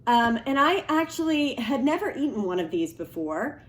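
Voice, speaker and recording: A woman's voice: high voice, very animated, normal speed. Chatty woman host in an echoey room. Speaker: cooking show host. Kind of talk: casual video presenting. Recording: echoey room with faint background noise.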